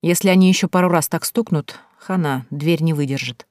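Woman doing a gloomy resigned girl, flat, lowish voice. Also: brisk, no room sound, clean studio sound, lightly acted. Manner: flat, doom-laden. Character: grim, resigned young woman.

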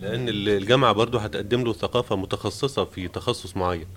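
A man's voice: lowish voice, fast talker, a bit bright. A man with an Egyptian accent interviewing a guest on an archival radio program. He asks short, polite prompting questions. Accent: Egyptian Arabic.

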